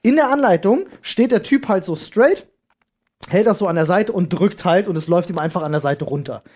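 A man co-hosting a casual podcast, telling an animated, slangy story. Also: high-pitched, a little fast. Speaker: podcast co-host. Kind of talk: casual chat.

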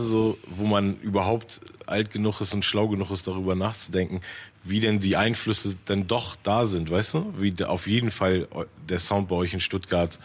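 A middle-aged man with a fairly low voice, talking casually on a podcast. He rambles through his thoughts, restarting sentences and drifting into loose asides. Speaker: rapper guest.

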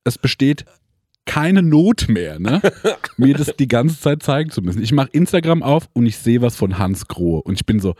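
A man's voice: medium pitch, big pitch swings, moderate pace, mellow, breathy edge, no echo, clean studio sound. A man in casual podcast chat, griping in a laid-back, wry way and drawing out his stresses.

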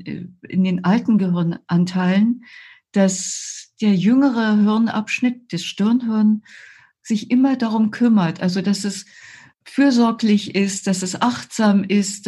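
An older woman, a yoga teacher as interview guest, explaining at a slow, measured pace with frequent hesitations. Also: mid-range voice, warm tone, husky.

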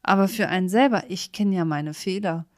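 A woman co-hosts a podcast, chatting in a casual, reflective manner that is emphatic, candid and self-deprecating. Her voice is on the low side and her pace is brisk. The studio-quality audio has no echo.

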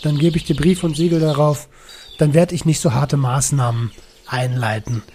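Man putting on a pushy, slangy inner-voice buddy; slightly high, soft tone. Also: fairly even intonation, moderate pace, a little hiss or hum, close to an everyday voice. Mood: bargaining. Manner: demanding, slangy, coaxing.

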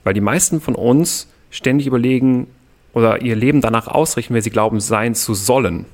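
A man in a podcast conversation, calmly explaining ideas step by step as a guest coach. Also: mid-range voice. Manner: calm, explanatory, measured.

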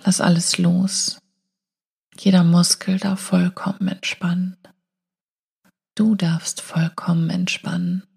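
Woman doing slow hypnotist voice for guided meditation, breathy almost whispery, dark mellow tone. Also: lowish voice, level tone. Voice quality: breathy, often falling near a whisper. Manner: slow hypnotist voice, drawn-out soothing instructions with long pauses. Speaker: meditation guide and show host.

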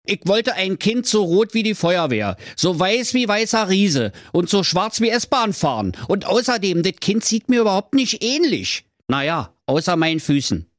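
A man's voice: high voice, very animated, moderate pace, few pauses, dry recording, studio quality, pitched above the performer's own voice. A man voicing a dim-witted, grumpy husband who speaks with a Berlin accent, blustering and indignant. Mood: indignant grumbling.

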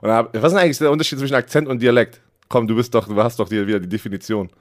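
Animated Berlin man, slangy podcast chat. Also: medium pitch, racing. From Germany. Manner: animated, laughs a lot, slangy, stumbles over words. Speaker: podcast co-host, former football player.

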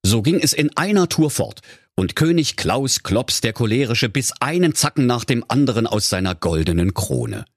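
A man's voice: mid-range voice, big pitch swings, moderate pace, no room sound, clean studio sound. A man telling a comic fairy tale in a mock-solemn, playful way. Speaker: storyteller.

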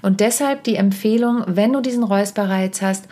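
A woman's voice: medium pitch, moderate pace, mellow. A middle-aged woman hosting a podcast, giving voice-care advice in a chatty, direct way with asides and self-corrections. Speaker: podcast host and stage coach. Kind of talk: casual spoken podcast advice. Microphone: podcast microphone.

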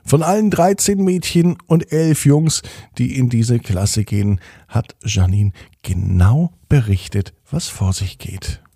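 Male storyteller for a children's tale, warm and husky, very lively pitch, close and dry. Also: slow pace, no echo. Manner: gentle, expressive storytelling with playful pitch swings.

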